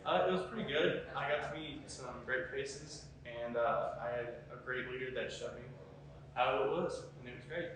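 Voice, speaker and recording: A man's voice: medium pitch, normal speed, fairly bright tone. A young adult man, a college student, giving casual answers in an interview. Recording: very echoey, distant mic, faint noise.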